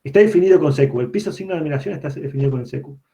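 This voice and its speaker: Teaching programming to university students online, a man talks in a rapid-fire, animated way, his voice on the high side yet dark in tone. He breaks things down step by step and keeps checking that everyone follows. Captured on a computer mic during a video call, the recording is dull and lo-fi.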